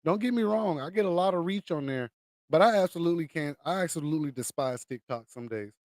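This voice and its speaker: A man's voice: a little high, animated, quick pace, a little mellow, dry recording, clean studio sound. An American man hosting a livestream, delivering an impassioned late-night conspiracy rant with indignant, emphatic repetition for punch. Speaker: livestream host.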